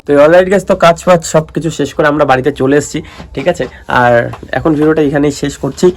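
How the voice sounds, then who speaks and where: Here a young adult from West Bengal, India, chats his way through a handheld vlog at a lakeside park along a street. His voice sits on the high side and moves fast, he keeps calling the audience brother in a playful tone, and a faint hiss or hum runs underneath.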